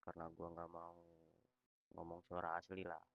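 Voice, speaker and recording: A low, gravelly male text-to-speech voice in the social media style, introducing a channel with casual slang. The delivery is robotic and repeats little tag phrases, in a dull, lo-fi and very dry recording. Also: monotone, normal speed, dry recording. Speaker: video channel host.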